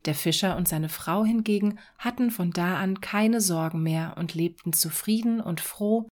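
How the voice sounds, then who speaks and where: A woman reads a fairy tale aloud in a calm, lilting manner. Her voice sits slightly low for a woman. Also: moderate pace. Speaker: storyteller.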